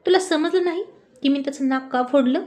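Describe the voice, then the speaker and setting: A woman doing a cocky teen boy, smug, mocking, high-voiced reading. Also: a little fast, dark tone, natural voice. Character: cocky, teasing teenage boy.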